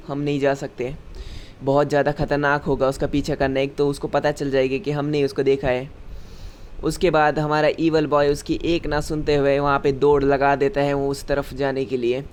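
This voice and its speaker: A man's voice: a little high, a little mellow, smooth. Chatty man recapping a story. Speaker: anime recap narrator. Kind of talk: casual story recap narration.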